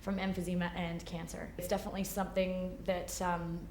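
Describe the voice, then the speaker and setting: A woman in her late twenties with a lowish voice answers thoughtfully, pausing on fillers as she thinks. The room around her rings with a clear echo. A faint hiss of noise lies underneath. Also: little pitch movement, a little mellow. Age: 20s. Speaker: interviewee. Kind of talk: candid interview answers. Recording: roomy echo.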